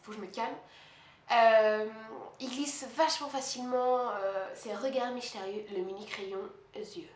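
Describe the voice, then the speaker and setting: A woman beauty vlogger talking quickly and casually at home, chatty and poking fun at herself. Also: on the high side, steady tone. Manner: fast, chatty and self-mocking. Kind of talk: casual monthly favorites haul chat. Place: her apartment. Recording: echoey room with faint hiss.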